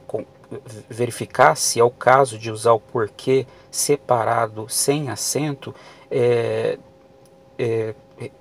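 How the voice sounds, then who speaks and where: A man's voice: medium pitch, gravelly. A man teaching a grammar lesson for exam prep, explaining patiently with many fillers and restarts.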